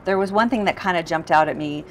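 A woman's voice: on the low side, fast talker, a little hiss or hum. A middle-aged woman reporter interviewing a restaurant manager indoors, asking pointed, pressing questions. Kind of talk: on-location interview.

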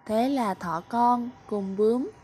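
A woman preschool teacher tells a children's story with clear, expressive narration. Her voice sits a little higher than most women's. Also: slow.

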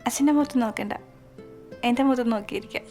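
A woman plays a young woman in a film romance, talking softly and coaxing the man she loves. Her voice is a little high, with gentle guitar music underneath. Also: fast talker, natural voice. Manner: soft, coaxing. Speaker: film actress.

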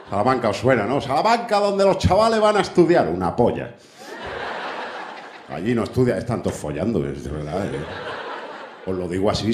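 A man in his thirties with a Spain Spanish accent performs a brash, profane stand-up monologue on a theater stage, bantering with the crowd. His voice is on the low side, with a little hiss or hum in an echoey theater where the audience is faint.

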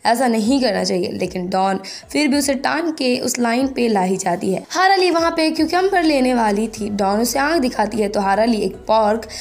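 A woman's voice: on the high side, animated, moderate pace, few pauses. A woman narrating a drama recap in a plain storytelling way, dropping English words in as she goes. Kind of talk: scripted plot recap narration.

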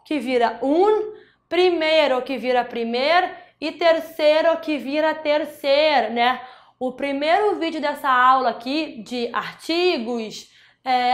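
A woman from Brazil teaching a Spanish grammar lesson for exam prep, explaining step by step and checking in with frequent "né?" and "tá?". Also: high voice. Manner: explanatory, with frequent "né?" and "tá?" tag questions. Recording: roomy echo.

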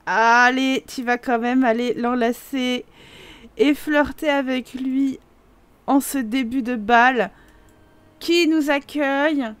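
Une joueuse bavarde à la voix aiguë. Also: female voice, sits high, takes it slowly, clean tone, dry recording. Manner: chatty and excitable, laughs often and exclaims. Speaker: gaming video host. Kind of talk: casual Let's Play commentary.

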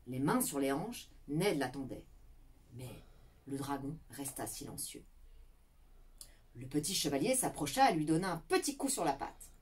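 Woman storyteller, children's story read aloud, very lively pitch, expressive. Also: breathy edge. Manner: expressive, animated.

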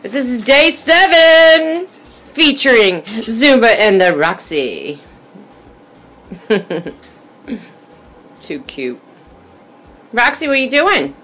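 A woman's voice: fairly high pitch, very animated, slow pace, long pauses, fairly bright tone. Woman in sing-song baby talk to pet birds. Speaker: pet bird owner vlogging. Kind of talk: casual vlog talking to pet birds. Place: home indoors. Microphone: phone camera.

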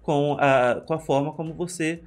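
A man's voice: a little high, fairly even intonation. A man with a Brazilian Portuguese accent commenting live on a reality show, gossipy and exasperated, recapping the cast's arguments and reading chat messages. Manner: gossipy, exasperated, quotes the cast in quick recaps. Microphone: headphones and desk mic.

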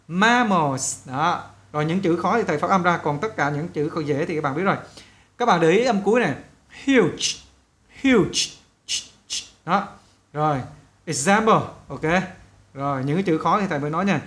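Teaching an English listening class, this man speaks with a fairly high pitch and a fairly bright tone. He breaks things down step by step and says each English word slowly, over and over, for the students.

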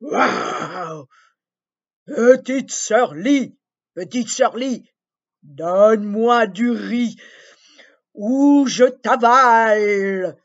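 A furious river dragon roars and demands rice, played by a woman reading a storybook aloud. He is loud and high-pitched, pushing at full force. The recording is dull and lo-fi. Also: very slow, pauses often, heavily acted. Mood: threatening. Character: angry roaring male river dragon.

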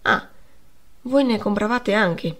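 A woman's voice: medium pitch, slow, close to an everyday voice. A woman reading the part of a severe male schoolteacher questioning his pupils, in a stern tone.

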